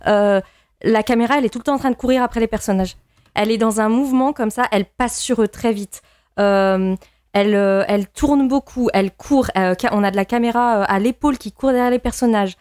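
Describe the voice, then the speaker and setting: A woman's voice: a little high, a little mellow, dry recording, clean studio sound. A woman in a casual film discussion, analytical and opinionated, often repeating words as she works out her point.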